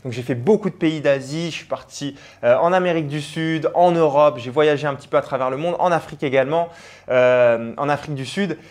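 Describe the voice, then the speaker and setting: A man's voice: fairly high pitch, a little fast. A young man, a personal branding coach, talking earnestly and directly to the viewer in a motivational vlog, with frequent fillers. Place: abroad on travel.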